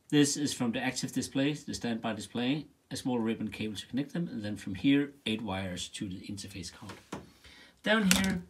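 A man stands at a whiteboard in an indoor workshop, sketching the wiring of his cockpit panels. His voice is a little husky, and his pitch rises and falls in a lively way. He pauses now and then to count the wires out loud. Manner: talks while drawing diagrams, counting wires aloud with pauses. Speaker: home cockpit builder explaining wiring. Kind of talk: casual hands-on tutorial.

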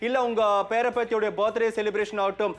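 A man with a Tamil accent presenting a teleshopping sales pitch, persuasive and full of rhetorical questions. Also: little pitch movement, fast talker. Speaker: TV shopping presenter.

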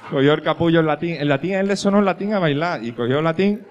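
A man performing a stand-up comedy monologue, telling a story, dropping to hushed asides and rising to loud punchlines. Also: fairly high pitch, quick pace, dull audio, slight background noise. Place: comedy club stage with audience. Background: audience laughter.

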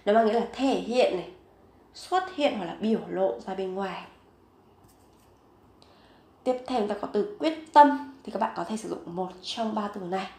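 A woman teaching a vocabulary lesson, saying each word several times, slowly and clearly. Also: medium pitch, reverberant. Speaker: Korean language teacher.

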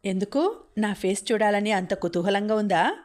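A woman's voice: mid-range voice, expressive, moderate pace, a little mellow, natural voice. A woman voicing a brash, scheming young man who taunts and boasts, in a storybook reading. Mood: mocking.

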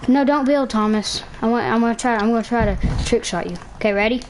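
A woman's voice: a little high, fast talker, a little mellow, a little hiss or hum, low-quality recording. A young woman streaming a game, casually commenting with playful trash talk and making silly sound-effect noises. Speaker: gamer streamer.

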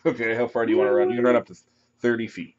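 A man running a tabletop game as game master, calling turns and results in a relaxed way. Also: mid-range voice. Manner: relaxed, brisk turn calling with laughs. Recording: muffled lo-fi table recording.

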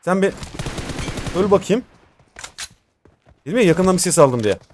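Young male gamer, high voice, casual slangy live commentary for viewers, slight background noise. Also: lively intonation, moderate pace. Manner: informal, slangy, addresses viewers as friends. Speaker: gaming video host.

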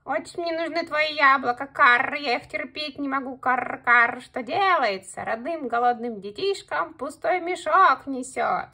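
A woman voicing a grumpy, scolding female crow in a storybook tale, with shrill drawn-out cawing. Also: animated, pushed and bright, exaggerated voice.

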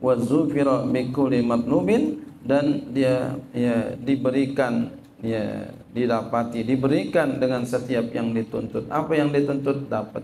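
A gravelly, mid-range male voice speaks unhurriedly against slight background noise. The Islamic teacher presents a religious text as a sermon, lively and repetitive, reading Arabic and then translating it, and he answers the questions he puts to the audience.

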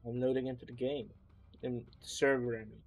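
A man's voice: medium pitch, level tone, fairly quick, creaky, a little mellow, muffled recording, soft background music. A young man with a Dutch accent, chatting bluntly and swearing while playing an online game with friends. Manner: blunt, swears a lot, mock outrage. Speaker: gaming channel host. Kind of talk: casual gaming chat.

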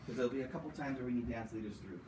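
A man's voice: medium pitch, very fast. Chatty male teacher in an echoey room. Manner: chatty and warm, laughing often. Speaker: teacher directing a school show. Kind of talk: casual welcome speech to an audience. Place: warm school room, indoors. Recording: echoey room from far off, with noise.

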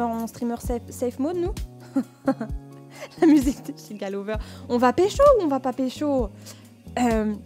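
An excitable woman on a live stream, chatting casually as she plays a game. She talks in loose slang with frequent laughter, in a somewhat higher voice. Faint game music plays behind her. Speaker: Twitch streamer.

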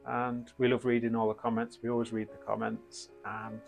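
A man's voice: mid-range voice, moderate pace, gravelly, soft background music. A man in his thirties hosting a paranormal investigation channel, talking casually to camera from a small indoor room with plenty of ums and uhs. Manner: relaxed, rambling, frequent ums and uhs.

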